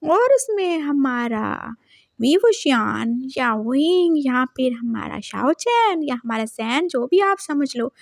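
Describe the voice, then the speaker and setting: A woman storyteller with a high voice narrates in a casual, chatty way. She speaks straight to her viewers. The sound is close and dry. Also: no echo. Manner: chatty, addresses viewers directly.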